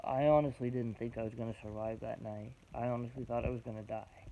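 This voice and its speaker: A man's voice: fairly even intonation, vocal fry, dark tone. Young man in his twenties, raw personal testimony, blunt with heavy swearing, dull lo-fi recording with a hiss behind him. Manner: blunt, halting, swearing, emotional. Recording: dull low-fi recording with background noise.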